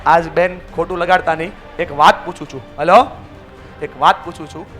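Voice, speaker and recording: An energetic man speaks from the stage of a large event hall, his voice sitting fairly high as he rallies a live audience. He keeps calling out questions for the crowd to answer and leads them in loud chants. Faint music plays softly behind him. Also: a little fast. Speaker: motivational speaker. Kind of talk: motivational speech to a live audience.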